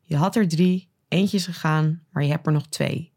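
A woman's voice: sits low, steady tone, moderate pace, a little mellow. Woman reading as a consoling grieving father.

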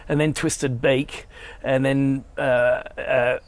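A man with a croaky voice from a cold, chatting casually and telling rambling anecdotes as a podcast guest. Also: mid-range voice, little pitch movement, takes it slowly, dry recording. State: has a cold. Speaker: podcast guest, family business owner. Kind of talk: casual conversational interview.

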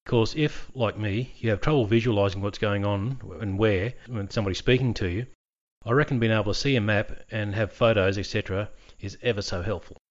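A man's voice: fairly low pitch, brisk, highs cut off. Wry man narrating history. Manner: dry, wry humor. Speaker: podcast host.

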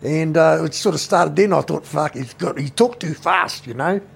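A man in his fifties with a New Zealand accent and a very gravelly, rough voice pitched slightly high for a man. Interviewed as a brother in a casual storytelling chat, he bluntly tells rambling family anecdotes at a normal speed, swearing throughout.

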